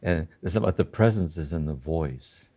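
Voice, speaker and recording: Deep-voiced older man musing slowly. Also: warm tone. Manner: slow, contemplative, often ends with "See?". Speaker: podcast host and spiritual teacher. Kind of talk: reflective spiritual conversation.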